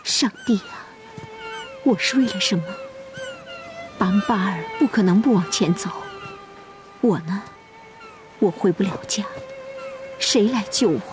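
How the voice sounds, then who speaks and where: A woman's voice: medium pitch, measured pace, pauses often, over music, natural voice. An actress playing a headstrong, lovesick young Russian woman in a period TV drama, insistent and pleading. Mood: anguished. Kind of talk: television period drama acting.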